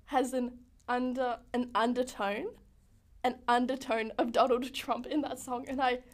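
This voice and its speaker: A young Australian woman chatting on her podcast with a high, bright voice. She giggles a lot, swears casually and throws herself into clumsy celebrity impressions. The talk is loose and playful. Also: little pitch movement, measured pace. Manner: giggly, swears freely, tries silly impressions. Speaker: podcast co-host. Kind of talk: casual chat.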